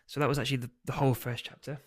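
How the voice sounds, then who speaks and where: A man, the book's author, reading his first chapter aloud in a steady storytelling voice. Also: mid-range voice, racing, husky. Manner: steady storytelling, loose and hesitant when speaking offhand.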